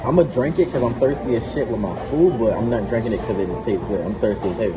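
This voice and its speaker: A man's voice: fairly low pitch, fast. A man giving a casual taste-test review among friends, blunt, slangy and freely swearing. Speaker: food review vlogger. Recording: loud crowd noise, busy public place.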